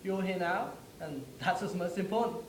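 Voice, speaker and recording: A man with a high voice, speaking at a moderate pace, performs a theatrical monologue as the wry ghost of a young English First World War soldier, talking directly and conversationally to the audience. The sound is reverberant and poor in quality, with a faint hiss or hum.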